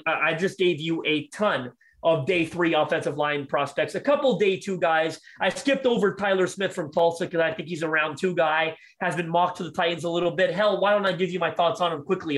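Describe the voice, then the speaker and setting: High-voiced man breaking down draft prospects. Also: fairly bright tone. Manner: fast, enthusiastic, many restarts. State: out of breath. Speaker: draft analyst guest. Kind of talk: podcast sports talk.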